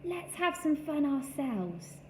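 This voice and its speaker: A man's voice: very high-pitched, sing-song, slow pace, echoey room, slight background noise, voice pushed up, exaggerated voice, low-quality recording. A woman voicing a kindly, playful old male gardener in a storybook reading. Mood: cheerful. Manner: gentle, chuckling, playful.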